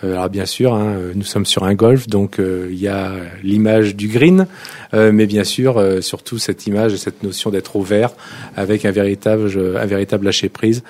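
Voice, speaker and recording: Male guest, low dark voice, halting speech full of fillers. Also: steady tone, dry recording. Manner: hesitant, many fillers. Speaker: guest, company director. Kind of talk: radio interview.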